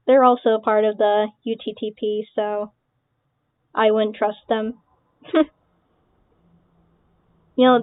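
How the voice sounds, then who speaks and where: A woman's voice: on the high side, no room sound. A young woman giving a casual reaction commentary, sarcastic and dismissive, swearing often. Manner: dismissive, sarcastic, swearing, laughing between remarks. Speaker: online creator responding to accusations. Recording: tinny phone-like lo-fi sound, dry.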